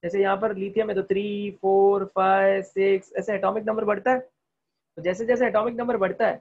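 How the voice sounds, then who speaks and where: Fast-talking Hindi chemistry teacher, gravelly. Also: male voice, high-pitched, level tone, lo-fi sound. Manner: quizzing students with repeated questions; mixes English terms into Hindi. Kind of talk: online class lecture. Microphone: video call.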